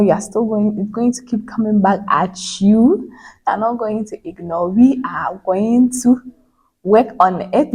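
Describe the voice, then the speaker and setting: A woman's voice: mid-range voice, a little mellow, slightly rough. A young woman vlogging into her phone's back camera, talking earnestly and repeating phrases for emphasis. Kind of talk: casual reflective vlog monologue.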